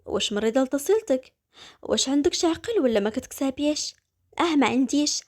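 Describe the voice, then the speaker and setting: A woman with a Moroccan accent voicing a furious, jealous young husband, angry and accusing. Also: a little mellow. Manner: angry, accusing, lower-pitched.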